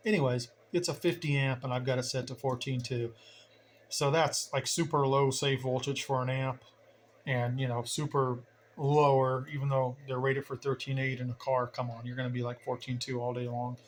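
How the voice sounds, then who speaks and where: A hobbyist radio operator gives a casual, unscripted tour of his home radio bench, rambling and thinking aloud in a folksy manner. His mid-range voice is flatly delivered at normal speed, and the home video carries noticeable background noise.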